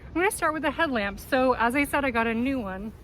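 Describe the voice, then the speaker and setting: A woman with a fairly high voice chats casually to the camera like a gear vlogger. She sounds upbeat and keen. She is recorded outside in a city backyard, with clear wind and traffic noise around her. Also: lively intonation, quick pace, fairly bright tone. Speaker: vlogger presenting hiking gear. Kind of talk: casual chatty gear talk to viewers. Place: outdoors in a windy city backyard. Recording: noisy outdoor city ambience, wind and traffic. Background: wind, vehicles, urban outdoor noise.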